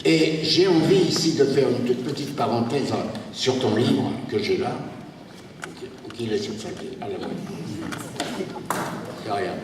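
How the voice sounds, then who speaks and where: A man's voice: mid-range voice, lively intonation, measured pace, pauses often, background noise. Man giving a tribute speech in an echoey hall. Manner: reads from a paper, stumbles and restarts, chuckles between lines. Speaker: speaker inducting a new academy member. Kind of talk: humorous ceremonial tribute speech. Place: reception hall at a ceremony. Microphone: handheld camera from the audience. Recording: echoey hall filmed from far off.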